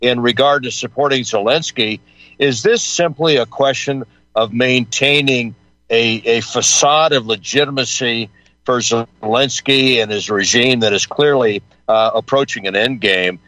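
A man hosting a political talk show, asking questions in measured, formal phrasing. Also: medium pitch, bright, forceful tone, dry recording, low-quality recording.

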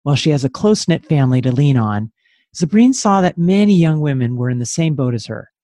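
Mellow-voiced male podcast host. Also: fairly high pitch, animated, brisk, no echo. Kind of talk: scripted intro and interview questions. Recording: dry close studio mic with faint music.

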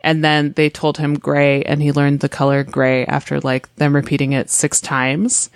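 A woman's voice: deep voice, monotone, moderate pace, clear, resonant tone, no room sound, studio quality. A woman telling animal stories in casual podcast chat, full of fillers. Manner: chatty storytelling with many fillers. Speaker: podcast guest.

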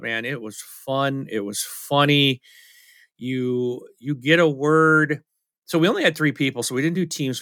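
A man's voice: medium pitch, bright, forceful tone, dry recording. A middle-aged man chatting casually as a podcast co-host, rambling and telling stories with many fillers. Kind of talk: casual chat.

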